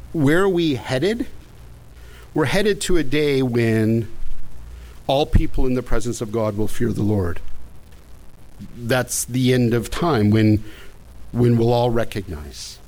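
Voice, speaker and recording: A man's voice: medium pitch, a little mellow, low-quality recording. A man preaching a sermon as pastor, earnest, often stumbling and repeating the first words of his sentences.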